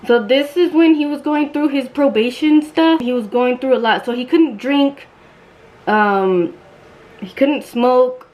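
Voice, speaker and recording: A woman's voice: high voice, a little slow, a little mellow, rough recording. A young woman vlogger telling a storytime while getting ready, blunt and chatty, swearing freely.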